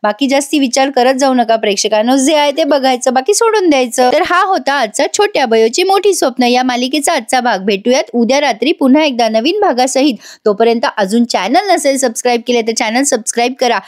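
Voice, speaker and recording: A woman's voice: high voice, a little fast, few pauses. A woman narrating a voice-over recap of a TV serial, dramatic and talking straight to her viewers. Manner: dramatic, addresses viewers directly. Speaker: TV serial reviewer.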